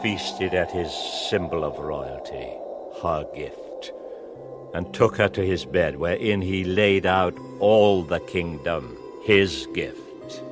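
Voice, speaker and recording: A brooding wizard prophet of poetic radio drama. His voice is low and he speaks very slowly, in a solemn chant-like measure, with music clearly behind him. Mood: somber. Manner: solemn, incantatory, measured delivery. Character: grave, brooding male wizard and prophet, Merlin.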